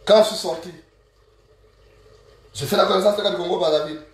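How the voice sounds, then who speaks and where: A man's voice: sits high, fairly even intonation, distant mic. Scolding Gabonese man in an echoey room. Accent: Gabonese French. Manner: scolding and insulting, repeats proverbs slowly. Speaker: online activist. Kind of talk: angry direct-to-camera rant.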